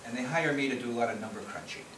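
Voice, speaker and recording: A middle-aged man from the Chicago area, a policy researcher, races through a conversational slide presentation in a mid-range voice, often restarting and repeating words. He's in a conference meeting room, and the audio is echoey, distant, and noisy.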